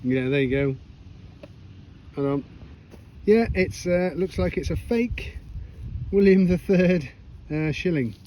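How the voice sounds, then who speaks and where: A man chatting casually to camera as he metal detects in a pasture field, self-deprecating and quick to exclaim. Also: high voice, expressive, dark tone, slight background noise. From United Kingdom. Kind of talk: casual self-filmed commentary. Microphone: chest cam or handheld camera.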